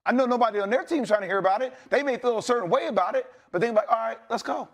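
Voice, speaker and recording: A man's voice: extremely high pitch, racing. A man on a sports debate show, fired up and emphatic, rallying a team to stop making excuses. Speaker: sports analyst.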